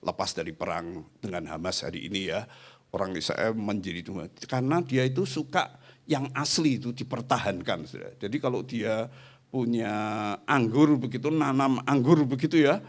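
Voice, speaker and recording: A middle-aged man preaching a sermon as pastor, animated and often addressing his listeners directly. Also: medium pitch, normal speed. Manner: acts out quoted voices in the talk.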